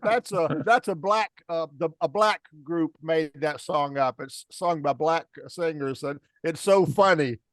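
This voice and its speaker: A man's voice: a little high, measured pace, hardly any pauses, a bit bright, no echo. An American-accented man telling casual stories and explaining slang in a jokey way, as a teacher in a class chat. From United States. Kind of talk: casual storytelling.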